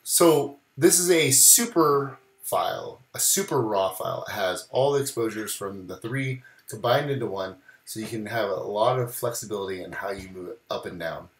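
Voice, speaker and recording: Speaking on the low side at a moderate pace with few pauses, a man talks through a photo edit over a screen recording. He's still recovering his voice from bronchitis, and his relaxed narration is full of "we're gonna." The sound is roomy.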